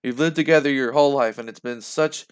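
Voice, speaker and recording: A calm, loving mother, read by a man in a soft, soothing tone. Her speech is gentle and steady, meant to comfort a child. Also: mid-range voice, brisk, clear, resonant tone, close to an everyday voice.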